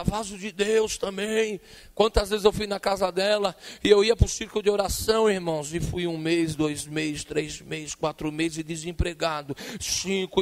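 A man preaching a sermon, telling a personal story with lively acted-out dialogue and calling out to the congregation. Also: high-pitched. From Brazil. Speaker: pastor.

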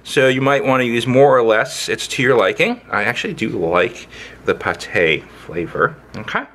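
A man's voice: mid-range voice, big pitch swings, normal speed, a bit bright, a little hiss or hum. Playful man demoing a recipe. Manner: playful, rambling, with sing-song sound effects. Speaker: home cook, channel host. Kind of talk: casual cooking demo. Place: indoor kitchen, overhead camera on hands.

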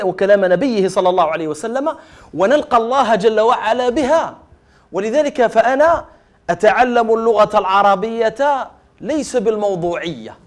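Emphatic high-voiced male lecturer. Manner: emphatic, repeats key phrases, addresses students directly. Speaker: lecturer on Arabic language sciences. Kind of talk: televised religious lecture.

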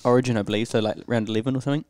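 A man's voice: medium pitch, steady tone, rapid-fire, a crowd in the background. A man with a broad New Zealand accent co-hosting a casual sports chat in a laid-back way on a headset mic. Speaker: podcast co-host. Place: small indoor podcast setup, backdrop and curtains.

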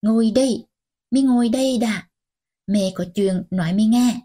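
A woman's voice: on the high side, normal speed, lightly acted. Scolding old grandmother, read by a woman. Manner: scolding, sharp and commanding. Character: stern old-fashioned grandmother, scolding and strict.

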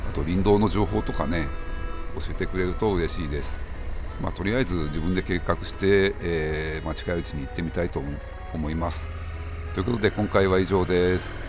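A middle-aged man chatting casually and ramblingly by himself as a motorcycle vlogger, recorded while riding. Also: sits low. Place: outdoors, riding a motorcycle on streets. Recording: outdoor motorbike ride, clear road noise.

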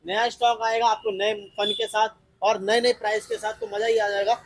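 A man's voice: high-pitched, level tone, moderate pace, rough recording. A man hosting a promotional showroom walk-through, questioning and repeating offers for viewers. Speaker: video host. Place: tiled scooter showroom, indoors.

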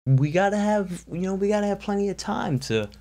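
A man's voice: sits high, lively intonation, a little fast, dark tone. A man co-hosting a casual unscripted chat who rambles and loses his train of thought. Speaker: co-host.

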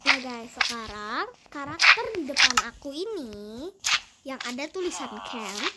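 A child hosting a gaming vlog speaks a little slowly in an expressive, high-sitting voice, giving casual commentary on a game house tour. It was recorded on a phone, and the audio is very noisy with clicks.

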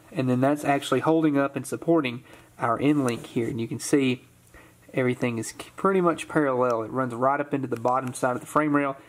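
A young man talks through a classic car restoration in his home garage. He explains each step in a relaxed, matter-of-fact way and throws in the odd corny joke. His voice sits at an ordinary middle pitch. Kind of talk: hands-on how-to narration.

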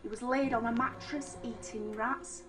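An actress playing a sly, sinister older care-home worker, chatty and sweetly menacing. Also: female voice, a little high, fairly even intonation, moderate pace, recorded from a distance, background noise, lightly acted. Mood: gleefully chatty. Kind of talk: horror game acting.

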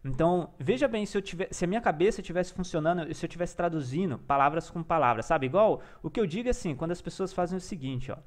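A man's voice: on the high side, lively intonation, fast, hardly any pauses. A young man teaching in a casual, enthusiastic vlog-style lesson, peppering his talk with slang and tag questions. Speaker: language learner and teacher.

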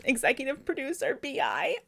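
A woman's voice: high-pitched, huge pitch swings, a little fast, gravelly. A young woman in her twenties reacting to a music video at home, gushing and squealing, with lots of fillers, into a studio mic. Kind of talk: excited casual reaction commentary. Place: bedroom at home, indoors. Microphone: studio mic with pop filter in front. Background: song playing in the background.

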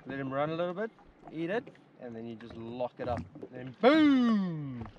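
A young New Zealand man, a fishing vlogger, chats casually and laughs a lot while fishing from a jet ski out on the open sea. His voice is medium-pitched, very animated, a little mellow, and at a normal pace. The action camera mounted on the ski gives a muffled recording with a little hiss or hum.

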